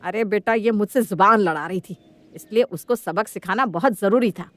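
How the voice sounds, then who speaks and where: A woman's voice: medium pitch, moderate pace, no room sound, lightly acted. A woman voicing a cruel, middle-aged mother-in-law in a cartoon story, talking in a harsh, scolding way. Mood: self-justifying.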